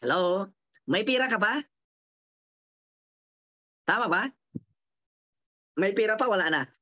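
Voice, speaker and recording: A woman giving a lively motivational seminar talk, repeating phrases and checking in with her listeners through quick rhetorical questions. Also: mid-range voice, no echo, dull audio. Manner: repeats and counts out phrases for emphasis. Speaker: motivational speaker.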